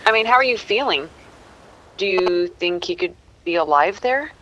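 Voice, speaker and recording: A woman's voice: lowish voice, lively intonation, moderate pace, bright, forceful tone. A woman playing an eager friend over a satellite phone. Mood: concerned. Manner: eager, repeated exclamations. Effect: satellite phone line, slightly dull and distant. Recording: muffled distant satellite phone audio.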